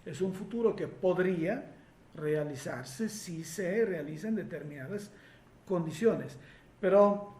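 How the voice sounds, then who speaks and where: A regression therapist from Italy answers listener questions in Spanish with an Italian accent, reflecting and explaining with lots of pauses. He has a high-pitched, animated, slightly mellow voice, recorded in an echoey room.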